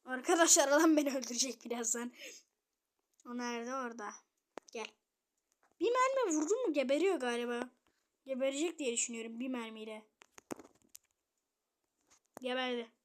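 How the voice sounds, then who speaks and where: High-voiced young woman narrating gameplay. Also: normal speed, pauses often, slight background noise. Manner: chatty, swings between muttering and loud outbursts at opponents. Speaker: gamer streamer. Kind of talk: casual gameplay commentary.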